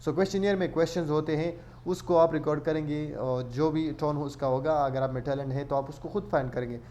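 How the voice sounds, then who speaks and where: In a casual screen-share tutorial, a man hosts online and explains things step by step, mixing English words into his speech. His voice is on the high side, brisk and warm, with slight background noise.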